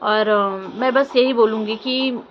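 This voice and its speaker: A young woman vlogger, her voice slightly high with fairly even intonation and an unhurried pace, gives viewers casual opinion commentary. She presses her points with questions and repeated phrases; the audio is muffled and lo-fi with faint background noise.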